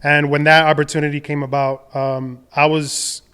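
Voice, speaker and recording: A young man with a smooth, clear voice, fairly high but held in a narrow, even pitch. He talks in a relaxed, rambling way, full of fillers and restarts. He comes from the Dominican Republic. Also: moderate pace. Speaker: podcast guest, designer and entrepreneur. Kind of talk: casual conversational storytelling.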